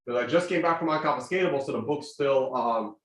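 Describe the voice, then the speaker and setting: Talking fast in a medium-pitched, slightly bright voice, the trading show host, a Russian-speaking man in his thirties, chats casually on his live stream via webcam call. He's speaking from a home studio room indoors, improvising loosely with plenty of fillers and false starts.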